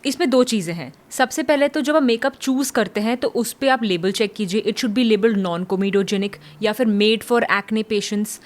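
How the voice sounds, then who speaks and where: A woman dermatologist explaining skin care calmly, giving advice and mixing in English medical terms. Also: mid-range voice, measured pace, hardly any pauses. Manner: calm, advisory, mixes English terms.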